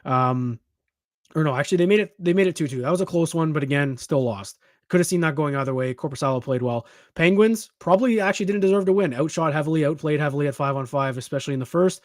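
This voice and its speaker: A man co-hosting a sports podcast, talking in an emphatic, animated way with frequent restarts. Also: a little high, quick pace, no echo, clean studio sound. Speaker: podcast co-host. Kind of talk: casual sports talk.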